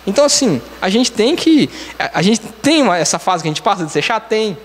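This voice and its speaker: A man's voice: high-pitched, sing-song, brisk. A man with a Brazilian Portuguese accent preaching a conversational sermon as a church elder. He explains each point step by step in a plain teaching tone and keeps saying "então, assim.". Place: church hall. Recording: church hall with long reverb.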